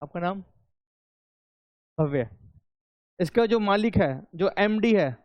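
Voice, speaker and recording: A man's voice: high voice, animated, slow pace, no room sound, highs cut off. A man with an Indian accent teaching an online accountancy class, chatty and coaxing his students to reply.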